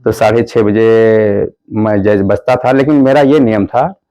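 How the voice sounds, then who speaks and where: A man recounting his own story in a relaxed, rambling way, acting out the lines of the people in it. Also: on the low side, measured pace, dull audio. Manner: acts out quoted dialogue in the story; plain, rambling spoken Hindi with restarts. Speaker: guest telling his life story. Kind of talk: conversational storytelling.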